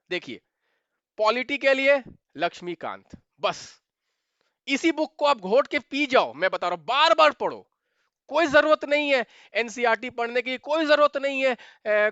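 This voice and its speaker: A man's voice: high-pitched, bright, forceful tone, smooth, no room sound, muffled recording. A man giving exam preparation advice straight to viewers, emphatic and repeating his points for stress. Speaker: exam prep mentor. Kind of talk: direct-to-camera advice video.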